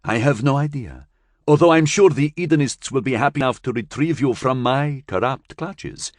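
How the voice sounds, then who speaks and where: A male narrator voicing a calm, formal and dryly ironic living starship. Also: medium pitch, moderate pace, dry recording, clean studio sound, voice pushed up, natural voice. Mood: cool.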